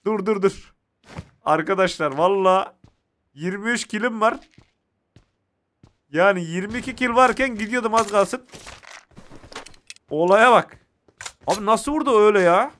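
A man with a Turkish accent giving excitable live commentary while playing a mobile shooter and talking to his viewers. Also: high voice, a little slow, long pauses, slight background noise. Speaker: mobile game streamer.

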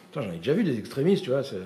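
A middle-aged man giving a comic storytelling lecture, animated and full of imitated voices and sounds, with many restarts. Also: mid-range voice, echoey room. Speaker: performer of a gesticulated lecture.

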